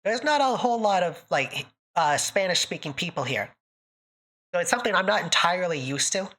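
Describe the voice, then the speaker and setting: A woman with a lowish, slightly bright voice talks briskly and with animation. She's a livestream host from northern Canada, chatting casually with viewers and answering them in a thick accent that sounds put on, joking and laughing often.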